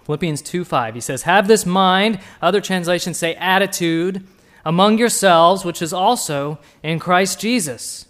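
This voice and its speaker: Speaking at a measured pace in a voice that sits high, a preacher questions his congregation directly, his sermon moving back and forth between quiet and forceful moments.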